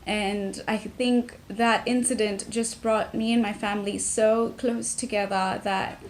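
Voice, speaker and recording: A young woman from Tanzania, talking to camera about her family in a reflective way, with many pauses and restarts. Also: mid-range voice, steady tone, a little hiss or hum. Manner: reflective, frequent ums and restarts. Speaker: vlogger. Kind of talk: personal talk to camera.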